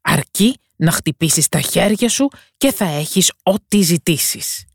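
A woman voicing a male beast in a fairy tale, speaking slowly and softly as he reassures and makes promises. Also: lowish voice, expressive, slightly rough, no room sound, clean studio sound, voice pushed up. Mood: reassuring.

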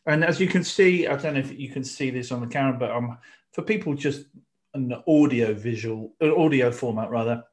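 On a casual drinks-tasting podcast, a middle-aged male co-host explains things at length, restarting his sentences many times. His mid-range voice moves a little fast.

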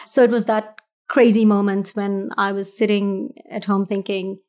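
A business founder from Fiji, a woman with a medium-pitched, slightly mellow voice, speaks at normal speed in a flat delivery. As an entrepreneur guest in a casual interview, she talks earnestly and reflectively, often restarting her sentences.

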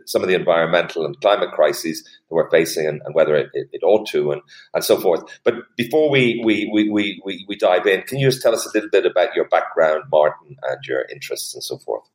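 A man interviewing a guest, phrasing his questions haltingly and repeating words as he goes. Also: deep voice, reverberant, poor audio. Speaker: podcast interviewer.

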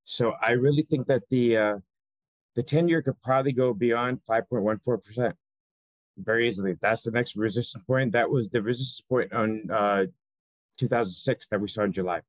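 A man's voice: medium pitch, normal speed, dry recording, poor audio. A man giving conversational market commentary as a podcast panelist.

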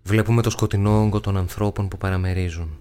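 Deep, flat male audiobook narrator. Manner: measured, dramatic pauses. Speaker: actor narrating a novel.

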